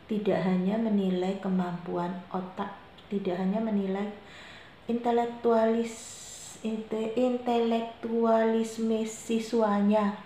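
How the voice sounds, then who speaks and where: A homeroom teacher from Indonesia gives her students a firm briefing, repeating her reminders. She has a dark-toned, mid-range voice. The room is very echoey, with faint noise.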